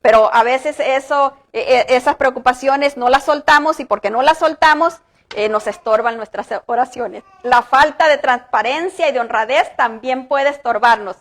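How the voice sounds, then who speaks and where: High-voiced woman pastor preaching earnestly. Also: a bit bright. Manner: earnest, rises with emphasis, slows to read scripture. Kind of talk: sermon. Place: church.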